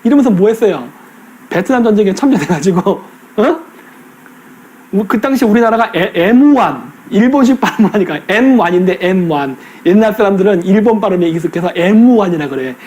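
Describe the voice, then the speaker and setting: A middle-aged man rants through a casual political commentary with a high voice that swings widely in pitch. He drops into coarse slang and acts out the people he quotes. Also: animated, fairly quick, darkish tone. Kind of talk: casual ranting monologue.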